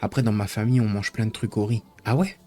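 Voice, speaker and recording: Male streamer, low husky voice, loose joking chatter with viewers, faint music underneath. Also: steady tone, fast, mellow. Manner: rambling, joking, teasing chat. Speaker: live streamer. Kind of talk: casual live-stream chat with viewers.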